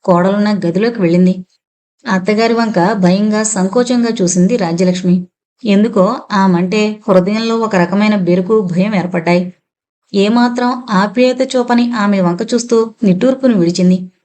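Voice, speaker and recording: A woman's voice: mid-range voice, normal speed, darkish tone. A woman with a Telugu accent reading a family novel aloud, narrating steadily and reading the dialogue with feeling. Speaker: audiobook narrator. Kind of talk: reading a novel aloud, voicing all characters.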